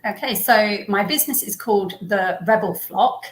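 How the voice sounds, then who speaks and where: A business owner from Herefordshire, England, with an English accent, appears as a guest in a casual interview, speaking thoughtfully and warmly with frequent ums and easy laughter. Her mid-range voice keeps a moderate pace, and the recording has a roomy echo.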